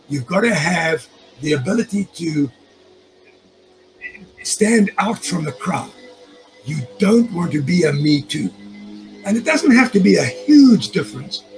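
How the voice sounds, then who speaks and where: A man's voice: a little high, very animated, a little slow, over music, low-quality recording. A man as an interview guest, telling sales stories in a chatty way, chuckling often and doubling up words as he starts sentences. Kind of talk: conversational interview.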